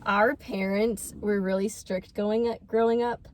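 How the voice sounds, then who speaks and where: A woman's voice: medium pitch, steady tone, unhurried. A young woman telling a story in casual vlog chat, full of fillers. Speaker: vlogger.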